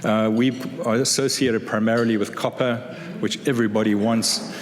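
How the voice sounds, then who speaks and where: A man's voice: on the low side, steady tone, normal speed. A man in his fifties giving a business keynote as a chief executive, with polished corporate enthusiasm. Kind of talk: semi-scripted business keynote speech. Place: large indoor event hall, on stage. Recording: echoey hall with clear background noise.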